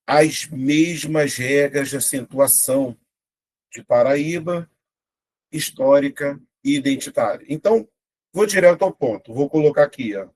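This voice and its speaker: A young adult man with a Brazilian Portuguese accent teaches an online exam-prep grammar lesson, his voice on the high side and unhurried. He's lively and addresses his students directly, frequently saying "né?".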